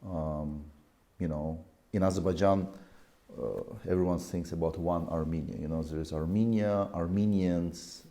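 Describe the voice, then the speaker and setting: A man's voice: sits low, dark tone. A man hosting an interview, asking long, rambling questions full of fillers as he searches for words. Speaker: interview host.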